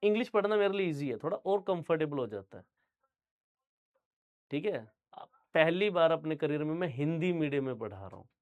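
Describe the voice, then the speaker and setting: A man's voice: on the high side, expressive, normal speed, long pauses, phone-quality sound. A young man from Punjab whose first language is Punjabi, giving an online general-knowledge lecture to students and checking in with them often. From Punjab, India. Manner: talks straight to students, repeats "theek hai" often. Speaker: GK teacher.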